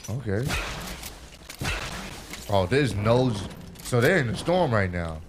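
Very animated low-voiced American man. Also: slow pace, background noise. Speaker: reaction show co-host. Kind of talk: casual reaction commentary.

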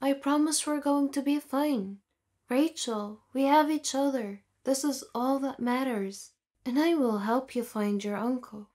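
A woman narrator voicing a young boy who calmly reassures his friend. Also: sits high, a little slow. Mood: reassuring. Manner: soothing, reassuring.

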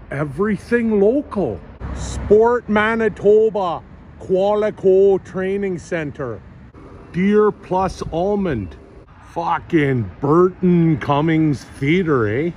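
A man putting on an exaggerated Canadian accent, drawing out each word loudly and slowly. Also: sits high, slight background noise. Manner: drawn-out, loud, savoring each word.

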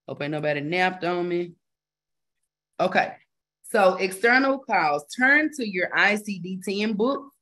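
This clip has a medical coding instructor speaking at medium pitch with a slightly bright tone. It's a relaxed live class where the talk is conversational, key terms get repeated for emphasis, and chatty side remarks come up along the way.

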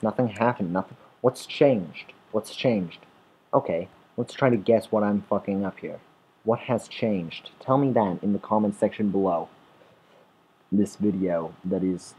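Audio is poor as a man with a lowish, darkish, slightly rough voice narrates a let's-play at a moderate pace on a desktop or headset mic. He rambles, swears, addresses the monsters and keeps restarting sentences.

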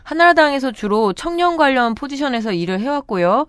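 A woman co-host briefly presenting candidate profiles in a brisk, matter-of-fact way. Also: high-pitched, animated, clear, resonant tone, dry recording, clean studio sound. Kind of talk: briefing-style chat.

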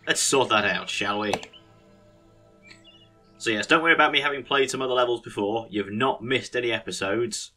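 A man's voice: medium pitch, normal speed, sharp tone, faint music behind. A man with a British accent giving casual, sardonic, mock-grumpy gameplay commentary as a video host.

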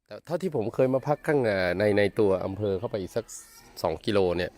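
Man from Thailand, low voice, travel vlogger, polite, rambling, hesitant, outdoors. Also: lively intonation, fairly quick, dark tone. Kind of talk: casual travel vlog narration. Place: outdoors in a village.

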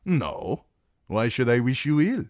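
Reading an audiobook character, a man plays a smug, needling merchant lord, fat and jovial, whose taunts come out as a drawn-out, genial, theatrical purr. The pitch is clearly above a plain deep baritone, with big swings. The sound is dry and close-miked, with no echo.

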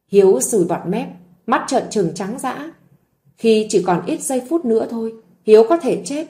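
A woman reading a drama story aloud in a gentle, emotive narration. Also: medium pitch. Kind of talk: scripted audiobook narration.

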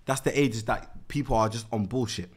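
A man's voice: mid-range voice, normal speed, slightly rough. A man in his twenties with a London roadman accent, chatting casually in street slang on a studio podcast. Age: 20s. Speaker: podcast host. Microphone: close studio microphone on a stand.

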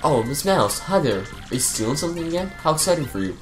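A man voicing a flirty, smug female mouse thief from a video game, speaking softly and teasingly with a lively rise and fall. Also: fairly high pitch, fast, faint music behind, pitched above the performer's own voice. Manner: soft, hushed, teasing delivery.

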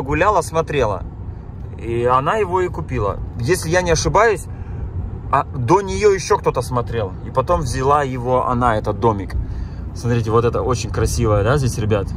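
Behind the wheel on a drive through town, this Russian-speaking vlogger, born in Kazakhstan and having lived in Germany, chats casually with his audience and frequently exclaims at the sights. His voice is mid-range, with background noise present.

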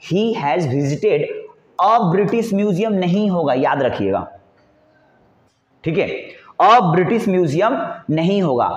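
A man teaches an exam-prep grammar lesson in a fairly high voice. He coaxes students along, asks questions and answers them himself, repeating every point. The sound is echoey and dull, like a lo-fi recording in a bare room. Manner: repetitive, coaxing, asks and answers own questions.

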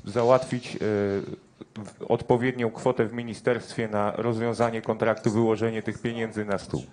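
A man with a somewhat low voice questions a federation official at a press conference. He presses on with follow-up questions and will not let the point drop. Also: level tone, normal speed, a little mellow, slight background noise. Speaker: sports journalist.

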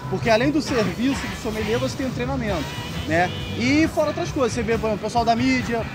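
Man, Rio accent, very high voice, slangy casual interview talk, loud music behind. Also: animated, quick pace. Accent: Rio de Janeiro (carioca). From Rio de Janeiro, Brazil. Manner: slangy, informal. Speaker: beer sommelier, interview guest. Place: large indoor festival hall beside stacked kegs.

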